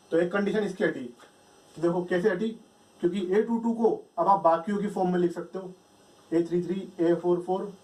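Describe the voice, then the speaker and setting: A man's voice: high voice, darkish tone, far from the mic, low-quality recording. A man teaching a math lecture, explaining step by step and asking and answering his own questions.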